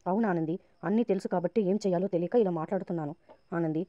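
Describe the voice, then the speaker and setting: A woman's voice: on the low side, racing, no room sound, muffled recording, natural voice. A woman narrator reading the lines of a stern, scolding mother-in-law.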